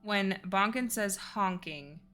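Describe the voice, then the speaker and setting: Woman, game master, tabletop narration, bright tone, filler-heavy, faint music. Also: medium pitch. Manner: laughs often, halting with fillers.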